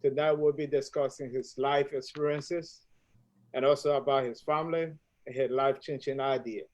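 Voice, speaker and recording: A man's voice: mid-range voice, fairly even intonation, normal speed, a little mellow, low-quality recording. A man hosting a live-streamed family talk show, introducing his guest formally and asking long, winding questions. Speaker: host.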